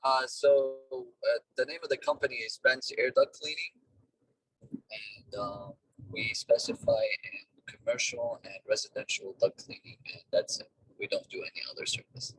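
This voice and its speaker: A man talking over a car speakerphone while driving, a business owner giving plain, halting explanations in a casual interview. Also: mid-range voice, wildly swooping pitch, fairly bright tone, breathy edge, no echo. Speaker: duct cleaning business owner, guest. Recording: distant car speakerphone call.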